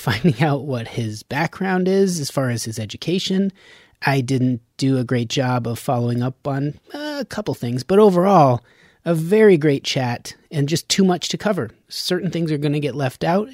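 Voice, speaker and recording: A man's voice: medium pitch, a little mellow, dry recording. A man hosting a podcast in a studio, talking in a casual, rambling way and laughing often. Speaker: podcast host.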